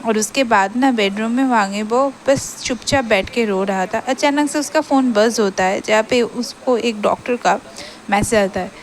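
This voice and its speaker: A woman's voice: a little high, normal speed, slight background noise. A woman retelling a romance story in a chatty, emotive way.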